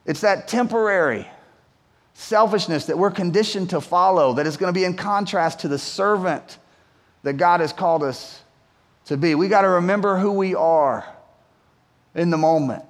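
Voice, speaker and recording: A man preaching a sermon as pastor, talking in a loose, conversational way and swinging between loud emphasis and hushed, quiet stretches. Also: high-pitched, normal speed. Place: church sanctuary. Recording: long hall reverb.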